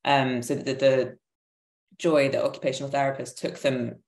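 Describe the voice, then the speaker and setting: Speaking from an indoor room at home, a woman in her thirties who works as a theatre maker joins a video call as a panelist. With an extremely low, darkish, level-toned voice at a moderate pace, she explains her thinking in a reflective, conversational way, emphatic yet searching, while the call audio echoes around the room.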